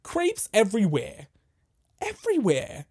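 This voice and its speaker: A podcast host, telling a story casually in a profane, animated and jokey way. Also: mid-range voice, measured pace, breathy edge.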